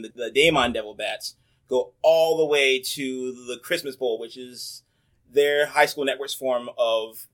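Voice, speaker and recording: Chatty man with a mid-pitched voice. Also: fairly bright tone. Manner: chatty, rambling, many "like" fillers. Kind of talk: casual chat.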